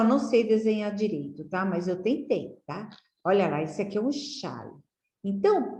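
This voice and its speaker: A Brazilian woman teaching young children to read, drilling syllables slowly and asking them friendly questions. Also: mid-range voice. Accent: Brazilian Portuguese. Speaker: literacy teacher. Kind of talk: slow, clearly enunciated lesson for young children. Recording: echoey room.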